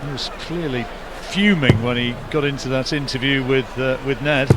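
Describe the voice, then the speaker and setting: A man's voice: mid-range voice, moderate pace. A man giving live darts commentary in a conversational, discursive way with wry asides. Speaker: sports commentator. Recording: loud arena noise behind commentary. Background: noisy darts arena.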